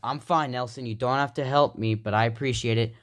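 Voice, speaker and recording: A man's voice: medium pitch, steady tone, brisk, pitched below the performer's own voice, natural voice. A man voicing a goofy, formal, weary male schoolteacher in an amateur sock puppet comedy.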